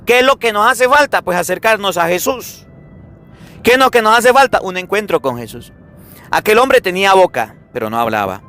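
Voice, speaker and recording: Animated priest preaching, high bright voice. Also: male voice, normal speed, faint music behind. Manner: animated storytelling, acting out everyday dialogues. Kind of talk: sermon.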